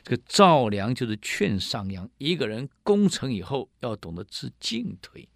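A male lecturer and host telling history stories in an animated way, acting out the dialogue and exclaiming. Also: medium pitch, normal speed, vocal fry, no room sound, studio quality.

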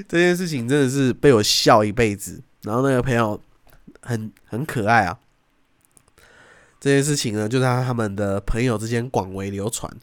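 A man's voice: mid-range voice, lively intonation, moderate pace, no room sound. A young man with a Taiwanese Mandarin accent hosting a podcast, telling stories casually, swearing freely and acting out quotes. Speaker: podcast host. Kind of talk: casual storytelling.

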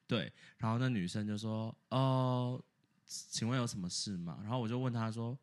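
A man co-hosting a podcast, telling a story in casual chat, animated, laughing often and slipping English words in. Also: lowish voice, normal speed, a little hiss or hum. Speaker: podcast co-host.

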